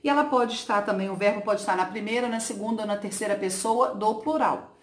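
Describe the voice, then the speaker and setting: A woman's voice: medium pitch, fairly quick, reverberant. A woman teacher going over a lesson for her pupils, explaining patiently and often checking in to make sure they follow. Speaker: schoolteacher. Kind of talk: recorded remote lesson for pupils.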